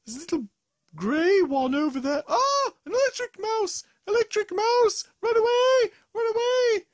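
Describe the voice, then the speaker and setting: The host voicing a Gruffalo monster who is scared of mice, speaking high and theatrically. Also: animated, measured pace, darkish tone, dry recording, clean studio sound. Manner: squealing, panicky, theatrical.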